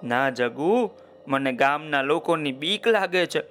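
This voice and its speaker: A man voicing a gentle, smiling male god who speaks kindly and reassuringly in a children's tale. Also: fairly high pitch, animated, a little slow, heavy background noise.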